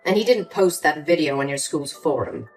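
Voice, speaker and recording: A woman's voice: sits low, moderate pace, lightly acted. A woman voicing a cold, condescending older mother in a story drama, with faint music behind. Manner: cool, condescending.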